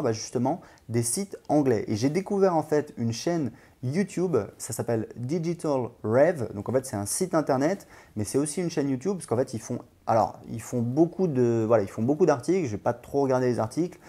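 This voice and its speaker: A man hosts a language-learning channel in casual vlog talk, enthusiastically recommending things while rambling with lots of hesitations and fillers. His mellow, medium-pitched voice is animated and fairly quick, with hardly any pauses.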